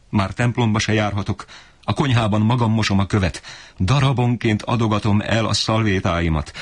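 A man's voice: fairly low pitch, voice pushed up, lightly acted. A man voicing a worn-out poor mother who pleads through tears. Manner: tearful, pleading.

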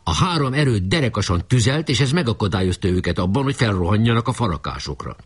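Husky low-voiced male storyteller. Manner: lively, expressive storytelling. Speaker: narrator. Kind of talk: audiobook narration.

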